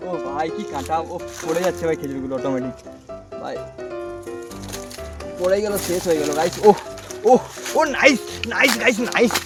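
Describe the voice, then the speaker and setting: A young man narrating an outdoor forest vlog, excitable and constantly calling out "bhai". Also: a little high, moderate pace, pauses often. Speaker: vlogger. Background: music.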